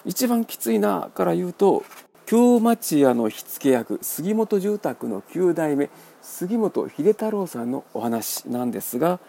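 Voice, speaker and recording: A man hosting a radio book talk, explaining in a wry, measured way. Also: fairly high pitch, big pitch swings, gravelly, dark tone. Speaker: radio host.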